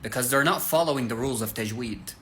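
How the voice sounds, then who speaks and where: A man gives a casual religious lesson in an earnest, direct way, talking to his listeners like friends. His voice is bright and forceful. Faint background noise sits under the speech. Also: medium pitch, fast. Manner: breaks into melodic Quran recitation to demonstrate. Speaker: Islamic teacher. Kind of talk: casual religious teaching to camera.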